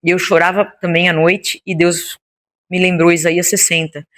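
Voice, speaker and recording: A woman's voice: on the low side, moderate pace. A woman being interviewed about her project, telling a story casually and acting out the dialogue in it. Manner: animated, acts out the dialogue in her stories. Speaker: interview guest, founder of a women's Bible study.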